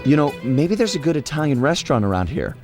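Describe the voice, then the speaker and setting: A man's voice: a little high, very animated, fast. An actor playing a suave, cocky male raccoon master thief in a video game, laid-back and wry, in a game clip with music behind him. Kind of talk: video game cutscene acting.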